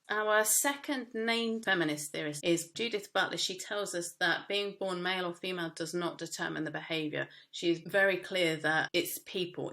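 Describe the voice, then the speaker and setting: A woman with a lowish, fairly bright voice teaches a media studies lesson in a recorded class. She explains casually, with frequent fillers and restarts.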